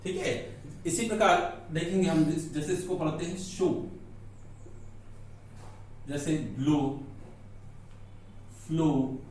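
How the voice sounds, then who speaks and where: A man's voice: a little high, takes it slowly, pauses often, a little mellow, a little hiss or hum. A man teaching English grammar in a lecture, asking questions and answering them himself. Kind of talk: classroom lecture explaining in Hindi. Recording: echoey room, mic at a distance.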